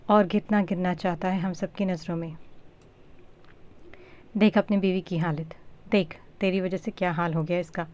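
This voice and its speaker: An angry, protective brother figure from a storybook reading, speaking through gritted teeth, as a woman narrator acts him. Low voice, little changed from her own. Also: fairly even intonation, normal speed, pauses often, darkish tone, lightly acted. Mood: reproachful.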